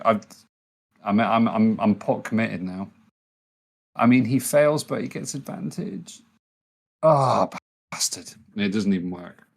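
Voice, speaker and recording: A man's voice: low-pitched, gravelly, slightly rough. A man playing a tabletop game, hesitant and stammering as he decides his moves. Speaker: player. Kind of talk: casual tabletop play.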